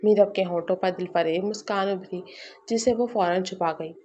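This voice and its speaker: A woman reads a romance novel aloud in a steady, expressive storytelling voice. Her pitch sits in an ordinary middle range. The recording is slightly muffled and lo-fi. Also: slight background noise. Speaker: narrator. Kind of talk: scripted novel narration.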